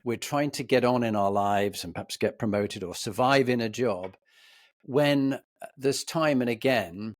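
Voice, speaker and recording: Male podcast host, formal and measured questioning, mid pitch, dry close mic. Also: dry recording. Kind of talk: podcast interview.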